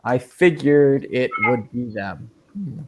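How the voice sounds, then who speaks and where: A man leads an English speaking class. He walks through words slowly and patiently, giving examples, in a voice of ordinary, mid-range pitch. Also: lively intonation, a little hiss or hum. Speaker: English teacher. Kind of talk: online language class.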